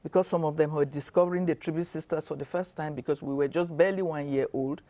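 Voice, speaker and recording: A woman from Cameroon on a studio panel, recounting in a measured way. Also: deep voice, steady tone, warm tone.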